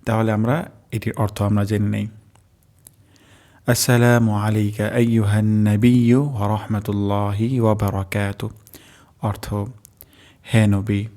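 A man with a lowish voice gives a careful pronunciation lesson at a very unhurried pace. He stretches out every syllable when he demonstrates a sound. His explanations come in short, patient steps. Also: a little mellow. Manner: drawls out each syllable when modelling sounds; slow, careful instruction. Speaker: teacher.

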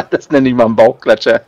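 A man playing a game with a friend in casual banter, calling out directions over and over in a lively voice. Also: a little high, dull audio. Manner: lively, shouts out directions in rapid repeats. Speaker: let's play co-player.

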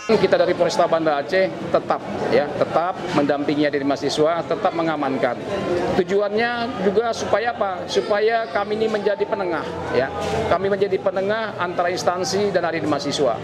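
A police officer giving a measured, reassuring statement to reporters outdoors. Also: male voice, high voice, over a noisy crowd. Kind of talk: press statement.

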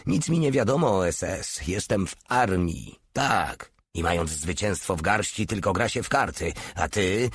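A man reading an audiobook, voicing an indifferent male army captain with dry, mocking calm. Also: deep voice, a little slow, hardly any pauses, husky, no echo, exaggerated voice. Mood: cool, mocking.

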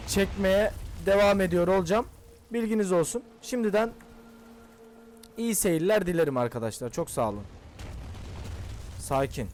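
A young man hosting a gaming channel, giving excitable casual commentary and shouting at the game characters. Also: high voice, a little hiss or hum.

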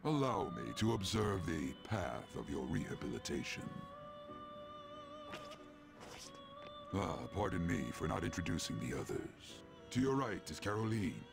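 Deep, gravelly, possessed-sounding demonic old master. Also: male voice, huge pitch swings, full character voice. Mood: calm, formal. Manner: slow, ominous, grandly formal. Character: sinister old male master of a dream realm, formal and menacing. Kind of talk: video game voice acting. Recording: music under the voice.

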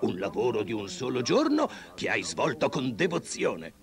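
An actor playing a jolly old Santa Claus in a vintage cartoon dub, with a hearty, exclamatory manner. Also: male voice, medium pitch, wildly swooping pitch, normal speed, vocal fry, music in the background. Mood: proud, fatherly.

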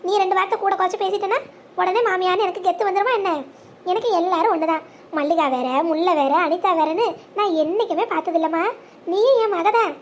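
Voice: very high voice, fast talker, slight background noise. A voice actor playing a kind, doting older mother-in-law in a family cartoon drama, speaking soothingly and reassuringly.

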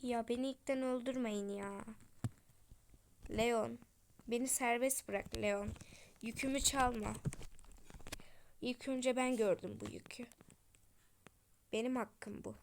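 A woman chatting casually over her gameplay, whiny and grumbling, pleading with the game and dropping into quick whispered asides. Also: fairly high pitch, steady tone, slight background noise. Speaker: gaming channel host.

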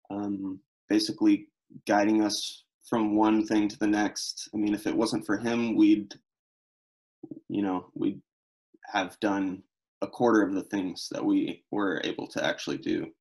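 Young adult male, slightly low pitch, slow delivery; solemn, halting, unscripted memorial speech. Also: little pitch movement, darkish tone, poor audio. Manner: solemn, halting, struggling to speak. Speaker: friend giving a memorial tribute. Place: small room at home, indoors. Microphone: video call, computer microphone.

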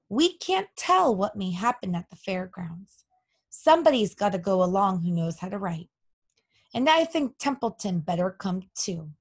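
A woman doing a soft, wise spider. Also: medium pitch. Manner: soft and measured. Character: wise calm female spider.

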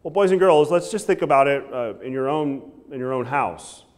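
A man's voice: mid-range voice, normal speed. A man in his thirties preaching an evening sermon from a church pulpit, gesturing and often asking "right?". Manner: animated preaching with frequent "right?" asides and hand gestures. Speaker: pastor.

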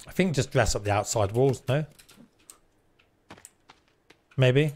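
A man's voice: medium pitch, fairly quick, a little mellow. A man giving casual, chatty live gameplay commentary with some teasing. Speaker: game streamer.

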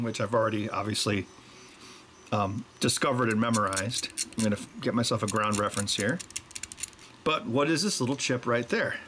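There's a little hiss or hum behind this middle-aged man's mid-range, fairly bright voice as he solders at a workbench. The electronics maker and show host keeps the explanation chatty and keeps slipping into joking tangents.

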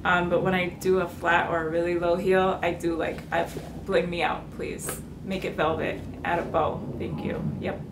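A woman in her thirties chatting casually to camera in a room at home, bubbly and quick to laugh. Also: lowish voice, little pitch movement. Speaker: fashion vlogger. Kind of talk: casual haul chat. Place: bedroom or apartment, indoors. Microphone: camera on tripod, mid-distance. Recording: roomy, noisy indoor recording.

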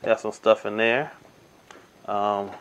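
A man's voice: fairly low pitch, little pitch movement, takes it slowly, fairly bright tone, clean tone. A man giving a casual hands-on tech demo at a table indoors, narrating each step with frequent ums and uhs. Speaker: tech reviewer. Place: indoors at a table by window blinds.

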